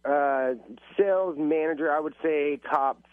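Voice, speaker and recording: A man's voice: on the high side, a little slow, no echo. A man calling in to a radio advice show over the telephone, rambling hesitantly through his question with many fillers. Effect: heard through a telephone line. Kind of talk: phoned-in question. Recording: tinny phone line.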